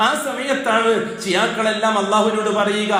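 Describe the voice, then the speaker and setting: A man with a Kerala Malayalam accent delivering a Friday sermon in a mosque, chanting Arabic verses slowly and then explaining them with force. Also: fairly even intonation, sharp tone. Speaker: preacher giving a Friday sermon. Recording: booming echo of a mosque hall.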